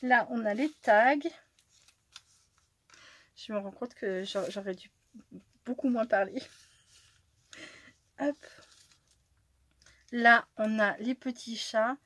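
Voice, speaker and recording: Chatty French woman, soft and delighted. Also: fairly high pitch, slow pace, pauses often. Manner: chatty, easily delighted, often laughing, drops to soft whispers. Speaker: crafting channel host. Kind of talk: casual chat while opening mail.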